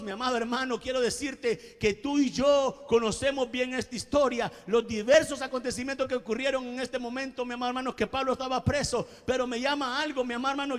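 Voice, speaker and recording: High-voiced emphatic preacher, echoing hall. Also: male voice, fairly bright tone. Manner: emphatic preaching, calls out "mi amado hermano". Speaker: pastor. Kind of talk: sermon.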